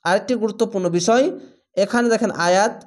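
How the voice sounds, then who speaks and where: A man teaching Quran recitation rules in a tutorial, speaking slowly and repeating each sound aloud as a drill. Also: high voice, fairly even intonation.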